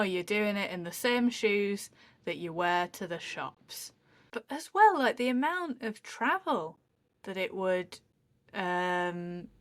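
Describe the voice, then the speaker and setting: Lady podcast host, a bit tipsy, swearing and joking, mid pitch. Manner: chatty, swearing, joking, with fillers. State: tipsy from day drinking. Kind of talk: casual chat.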